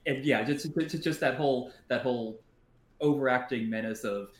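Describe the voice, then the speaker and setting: A man's voice: mid-range voice, normal speed, reverberant. A man co-hosting a casual podcast chat, swearing freely and restarting his sentences. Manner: swears a lot, repeats words and restarts. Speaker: podcast co-host.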